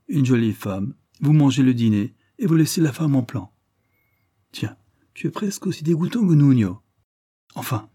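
A man's voice: medium pitch, mellow, no echo, studio quality, lightly acted. A man voicing a witty, mocking friend in a read novel. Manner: ironic, bantering.

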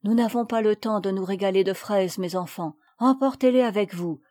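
Woman reading as gentle mother Madame de Fleurville. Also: medium pitch, moderate pace, lightly acted. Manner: patient, explanatory. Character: calm, gentle mother teaching her children.

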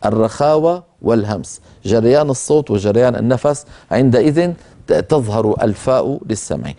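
Mellow-voiced male recitation teacher. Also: medium pitch. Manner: calm, explanatory, slows down to demonstrate pronunciation. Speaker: Quran recitation teacher and program host. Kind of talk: televised recitation lesson.

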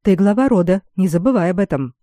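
A woman reader voicing a shrill, scolding older noblewoman who shrieks her insults. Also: animated, fast talker, mellow, no room sound, close to an everyday voice.

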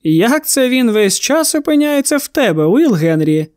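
A brash male monster hunter with a breezy, mocking way of speaking, as an audiobook reader plays him. He gives orders lightly, as if danger amuses him. The voice sits high and is recorded close and dry. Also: animated, normal speed, a little mellow, no echo. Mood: playful. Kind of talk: audiobook character voice.

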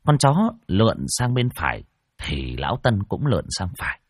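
Male storyteller; low, animated delivery. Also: normal speed, husky, no room sound, clean studio sound. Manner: vivid, expressive storytelling. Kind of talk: ghost story narration.

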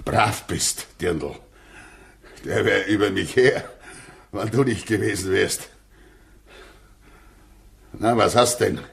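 An actor playing a proud, stern prince-bishop with a gravelly, commanding voice in a 1960 radio play. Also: male voice, fairly low pitch, slow pace, pauses often, full character voice. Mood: wondering. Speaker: Fürstbischof Firmian.

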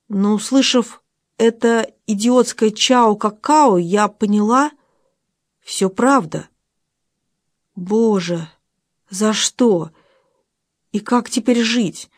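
A woman reading first-person audiobook narration in an expressive, emotional way on a close studio mic. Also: medium pitch, no room sound.

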